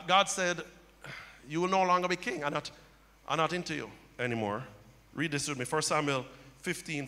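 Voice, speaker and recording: A pastor with a bright, high voice delivers an impassioned sermon from a church stage before an audience, building up to loud cries. He speaks into a handheld mic, and the hall adds a long reverb.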